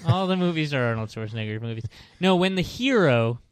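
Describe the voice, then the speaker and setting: A man co-hosting a comedy podcast, talking in an earnest, wide-eyed, easily alarmed way. His voice is smooth and resonant. The sound is close and dry, with no room around it. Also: fairly high pitch, animated, a little fast, no echo. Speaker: podcast co-host. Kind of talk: casual comedic chat.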